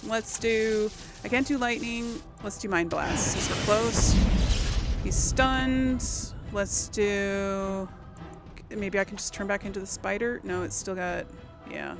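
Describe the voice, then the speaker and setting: A woman hosts a let's play, giving casual commentary while thinking aloud and muttering complaints to herself over video game music and sounds. Her voice is mid-range, expressive, and slow.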